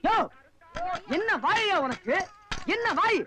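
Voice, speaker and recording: An actor playing a preachy, bossy fellow beggar in a Tamil film comedy scene. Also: male voice, extremely high pitch, big pitch swings, slow pace, pushed and bright, full character voice. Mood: indignant. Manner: lecturing, bossy.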